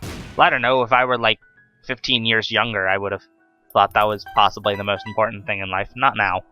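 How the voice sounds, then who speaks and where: A man's voice: lowish voice, fairly even intonation, fairly quick, pushed and bright, soft background music. A young man hosting a let's play, giving wry, chatty commentary on his gameplay. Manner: wry, chatty, scolding the enemies on screen.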